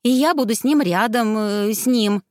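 A woman voicing an excitable young noble girl who pleads and protests in a raised, eager voice, reading a storybook. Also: medium pitch, unhurried, dry recording, studio quality. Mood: dreamy indignant.

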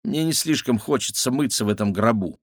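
A man's voice: mid-range voice, animated, a little fast, slightly rough, no room sound, studio quality. A man voicing a cheeky, sarcastic boy twin in a storybook.

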